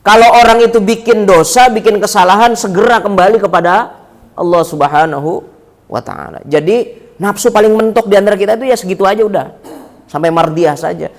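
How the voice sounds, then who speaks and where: High-voiced, chatty male preacher. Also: fairly quick. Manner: chatty storytelling, jokes, addresses the congregation often. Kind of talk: mosque sermon. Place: mosque.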